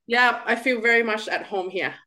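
A woman in her thirties, originally from Thailand, answering interview questions as a political scientist in a lively way with restarts. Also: a little high, normal speed. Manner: animated, with restarts and fillers.

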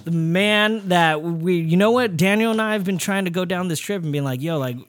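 Male podcast host, talkative, stumbling restarts, somewhat high voice. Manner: chatty, halting, with many restarts. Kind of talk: casual podcast interview.

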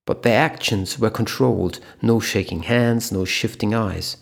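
A man reading a thriller aloud in steady audiobook narration. His voice is low and gravelly, with a husky grain. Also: measured pace.

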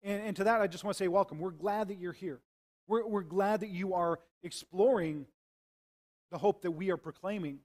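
A man's voice: high voice, normal speed, darkish tone. A man serving as pastor, praying and preaching a sermon in an earnest, conversational way. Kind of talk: sermon with prayer and scripture reading.

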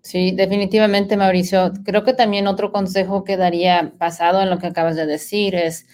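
A woman hosts a relaxed interview and offers thoughtful, encouraging remarks to her guest. Her voice sits at a moderate, everyday pitch. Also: fairly quick. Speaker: host. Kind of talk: casual interview chat.

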